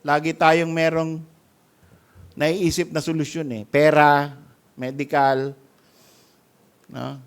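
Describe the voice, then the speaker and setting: Pastor guy preaching slow and high, gets loud then drops soft, church sermon. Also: little pitch movement, clear, resonant tone. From Philippines. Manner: emphatic preaching with wide swings in loudness. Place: church sanctuary.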